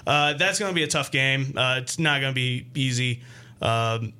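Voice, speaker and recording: A man with an American accent giving casual sports analysis as a podcast co-host, often halting and repeating words as he explains. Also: medium pitch, pushed and bright, smooth.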